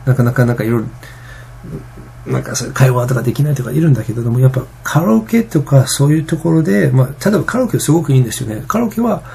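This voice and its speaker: Fast, gravelly, husky-voiced man. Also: medium pitch, lively intonation, mellow, a little hiss or hum. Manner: rambling, many fillers and restarts. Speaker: vlogger. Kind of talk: casual vlog monologue.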